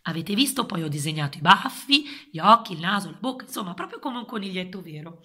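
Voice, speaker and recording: A woman's voice: lowish voice, expressive, fast, pushed and bright, husky. A woman presenting a craft to children in simple words, coaxing them and often checking that they follow. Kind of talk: simple instruction addressed to children.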